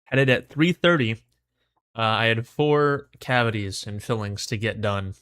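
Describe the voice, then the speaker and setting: A man's voice: mid-range voice, measured pace, fairly bright tone, smooth, no echo, clean studio sound. A man livestreaming in casual, slangy, laid-back chat, his mouth numb from the dentist. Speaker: livestream host.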